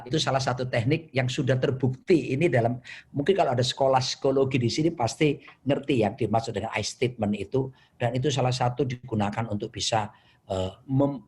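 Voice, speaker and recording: A man, a pastor, answering live questions about marriage conflict in a lively, storytelling way, acting out quarrels and quoting scripture. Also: medium pitch, husky. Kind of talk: answering questions in an online session.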